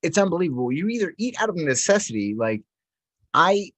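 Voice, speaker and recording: A man's voice: fairly high pitch, very animated, brisk, fairly bright tone, no echo. A man on a podcast who talks in a rambling, earnest way, leaning heavily on "like". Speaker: podcast co-host. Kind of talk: casual podcast banter.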